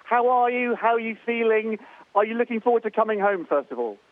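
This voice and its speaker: A man's voice: high voice, lively intonation, fairly quick. A man hosting a live event in an effusive way, often repeating words, over a radio link. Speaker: event host. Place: science festival venue with an audience. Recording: tinny, dry radio link.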